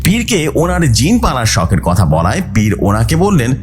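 The host of a horror story channel narrates a scripted tale over music, dramatic and suspenseful, stretching out key words. His mid-range voice swoops wildly in pitch at a moderate pace.

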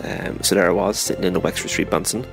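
A man's voice: sits low, steady tone, fast, creaky, music in the background. A man, a podcast host, reading a chatty, self-mocking sponsor spot that he recorded on a phone dictaphone app away from the studio. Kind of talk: casual read sponsor spot. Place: home in Waterford, not the studio.

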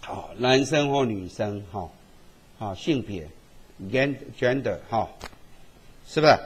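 A man's voice: medium pitch, expressive, slow, slightly rough. A man teaching a statistics class, tagging his sentences with little checks to the students. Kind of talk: classroom lecture.

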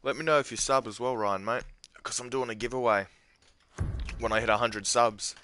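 A man's voice: medium pitch, steady tone, moderate pace, pushed and bright. An Australian man giving casual, profane commentary as he plays a shooter, joking with his teammates. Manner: swears often, joking banter with teammates. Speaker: gaming streamer. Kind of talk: casual live gameplay commentary. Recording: game gunfire noise under voice. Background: game gunfire and effects.

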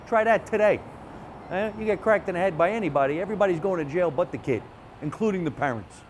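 A man, a comedian telling animated stories from his childhood in a casual interview. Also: high voice, fast, slight background noise. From Jersey City, New Jersey. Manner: animated, chatty storyteller with frequent restarts. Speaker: comedian, guest.

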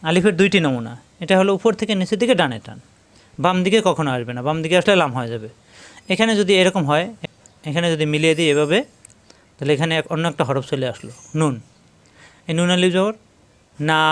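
A man's voice: on the high side, lively intonation, quick pace. A man teaching a Quran recitation lesson, explaining each rule step by step and repeating key points patiently while he demonstrates the sounds.

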